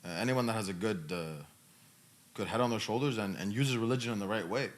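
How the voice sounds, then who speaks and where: A man in his thirties with a lowish voice talks fast and casually as a podcast host answering questions. He's emphatic and tends to repeat his phrases.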